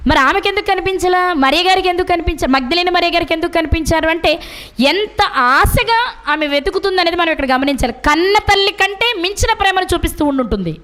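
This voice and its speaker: A woman's voice: sits high, fairly bright tone. A middle-aged woman preaching a sermon, asking her listeners question after question. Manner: asks the listeners many rhetorical questions.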